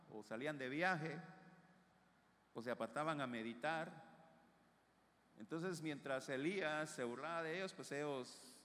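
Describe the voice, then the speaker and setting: Fervent preacher, echoing. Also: male voice, medium pitch. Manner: emphatic preaching, swinging between hushed asides and raised declarations. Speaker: pastor. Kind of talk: sermon. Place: church sanctuary. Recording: long church reverb.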